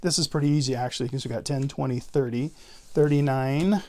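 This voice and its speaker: A man's voice: mid-range voice, a little fast, dark tone. A man talking in casual card magician patter, explaining and counting aloud step by step like a tutorial presenter.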